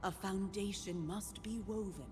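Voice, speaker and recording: A woman's voice: mid-range voice, a little slow, over music, lightly acted. A woman voicing an imperious, menacing spider-like hive queen in a fantasy video game, regal and grandiose in her delivery. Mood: cold, regal, pleased.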